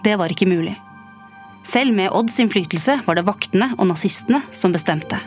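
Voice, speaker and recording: A woman narrating a scripted history story in a calm, even way. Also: medium pitch. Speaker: podcast narrator. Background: faint music.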